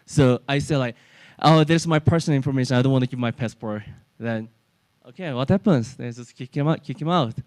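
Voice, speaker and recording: A man from South Korea with a Korean accent giving a technical workshop talk, halting with many fillers and restarts. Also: medium pitch, no echo. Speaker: workshop presenter. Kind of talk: technical lecture. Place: conference workshop room.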